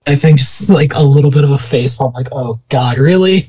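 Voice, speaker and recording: A tabletop roleplaying player with a husky, mellow voice at a medium pitch. The delivery is casual banter, moving in and out of character. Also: steady tone, moderate pace.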